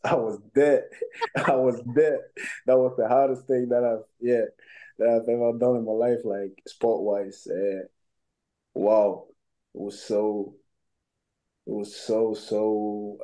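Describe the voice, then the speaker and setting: A man's voice: lowish voice, dark tone, low-quality recording. A young man from Cameroon, an amateur boxer, answering interview questions with many fillers and restarts.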